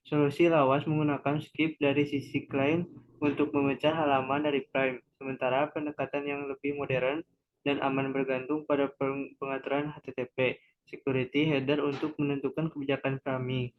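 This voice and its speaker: A man's voice: medium pitch, level tone, normal speed, lo-fi sound, a little hiss or hum. A man reading a class presentation on computer security aloud, stumbling and restarting often as he reads from notes. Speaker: student presenter.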